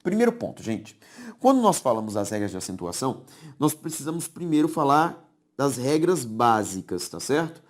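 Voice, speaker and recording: A man's voice: medium pitch, very animated. A man with a Brazilian Portuguese accent teaching grammar rules in a classroom lecture, who repeats key words and keeps checking that the class follows. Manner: explains slowly, repeats key words, checks understanding often.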